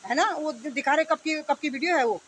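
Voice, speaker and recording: Steady background noise accompanies a woman with a high-sitting voice speaking fairly quickly. An online video commentator, she delivers an unscripted, indignant rant that scolds her opponents through rhetorical questions and repeated lines.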